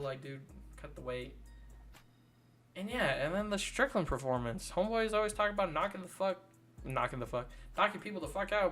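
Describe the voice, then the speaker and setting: A man talks through fighters in a loose, profane rant. He is sarcastic and drops bro and dude all the time. His voice has a middling pitch, and faint music runs under it. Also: a bit bright. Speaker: channel host. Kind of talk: casual commentary vlog.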